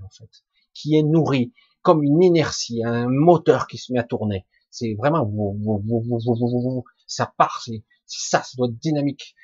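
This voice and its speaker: A man with a husky, rough voice giving an informal spiritual talk to online listeners, halting yet emphatic, in colloquial, earthy wording. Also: mid-range voice, darkish tone, no room sound, muffled recording. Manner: halting and emphatic, with colloquial swearing and sound-effect words. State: coughing now and then. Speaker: spiritual teacher answering listeners' questions live.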